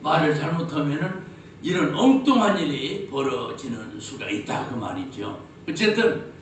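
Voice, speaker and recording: A pastor from Chungcheong, Korea, preaches a sermon in a slightly high voice with large pitch swings and a moderate pace. He tells jokey stories and fires off rhetorical questions, heard from afar in a very echoey hall with faint background noise.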